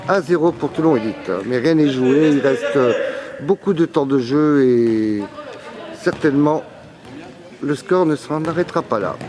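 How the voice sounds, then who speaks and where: A man giving live sports commentary in a halting way, searching for his words. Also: fairly high pitch. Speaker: match commentator. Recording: loud sports hall crowd and bouncing balls. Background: crowd and ball bounces.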